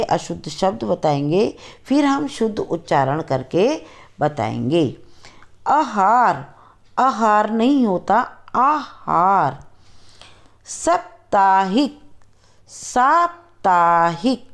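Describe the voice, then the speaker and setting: Slow, lively Hindi teacher woman. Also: medium pitch. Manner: slow, careful pronunciation drills, words repeated. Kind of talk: classroom grammar lesson.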